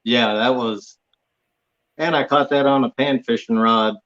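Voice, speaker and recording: A man's voice: medium pitch, steady tone, measured pace, fairly bright tone. A man from Hawaii, a guest on a chat show, talking in a laid-back, plain-spoken way with short answers. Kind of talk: casual interview chat. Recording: dull lo-fi audio.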